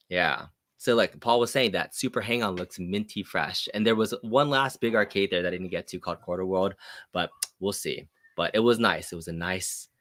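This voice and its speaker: A man's voice: lowish voice, pushed and bright, dry recording, studio quality. A man hosting a casual livestream chat, talking loosely with fillers and restarts. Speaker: host.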